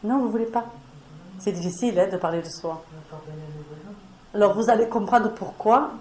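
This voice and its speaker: A woman's voice: mid-range voice, moderate pace, darkish tone. A woman with an accent in French, leading an earnest spiritual talk before a small audience and speaking in a conversational way with fillers. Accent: foreign accent in French. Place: meeting room before an audience. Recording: echoey room with faint noise.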